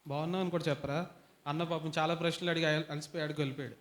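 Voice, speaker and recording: A man teaching a Bible study at a youth retreat, his voice set a little high. He peppers the young listeners with questions and keeps asking them to answer louder. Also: steady tone, racing. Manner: quizzes the audience, urges them to answer louder. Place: retreat hall.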